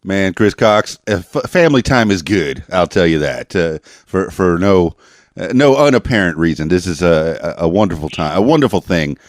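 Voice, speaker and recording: A man hosting a podcast interview, talking with many halting fillers and restarts. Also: sits low, expressive, dry recording, studio quality. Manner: halting, filler-heavy, chuckling. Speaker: podcast host. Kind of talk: casual interview.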